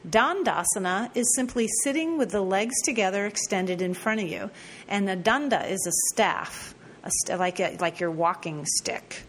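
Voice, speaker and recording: A woman yoga teacher giving a recorded lesson, repeating and spelling out terms slowly with casual asides. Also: medium pitch, a little hiss or hum.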